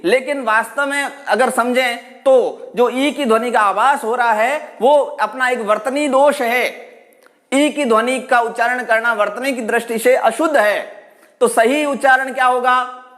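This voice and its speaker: A man with a strikingly high voice teaches pronunciation in a patient, explanatory way. He sounds out example words slowly to demonstrate each rule. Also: a bit bright. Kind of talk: spoken lesson on pronunciation.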